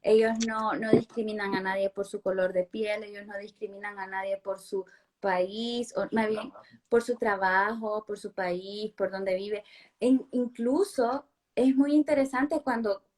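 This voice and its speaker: A woman's voice: mid-range voice, fairly even intonation, a little slow, darkish tone. A woman from Honduras in her thirties, a guest in a conversational interview, who talks emphatically and repeats words for stress.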